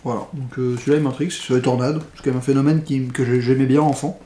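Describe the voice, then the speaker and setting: A man's voice: medium pitch, fairly even intonation, quick pace, dark tone, roomy sound, a little hiss or hum. A man giving casual commentary on a box of films, blunt and slangy, full of rambling asides. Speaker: film critic vlogger.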